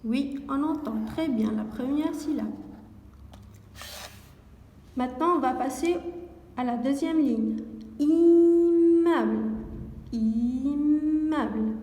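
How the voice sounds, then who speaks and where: High-voiced woman teacher going really slow over sounds for little kids, echoey room. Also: a little mellow, slight background noise. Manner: slow, careful, repeating words and sounds. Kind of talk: slow phonics lesson for young children. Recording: echoey room with long reverb.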